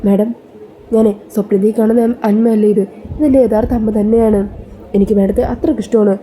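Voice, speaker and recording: An earnest, polite young woman, as a woman storyteller voices her talks affectionately in a serial retelling. The delivery is quick, and the voice is dark and mellow. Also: mid-range voice, fairly even intonation, slight background noise, natural voice.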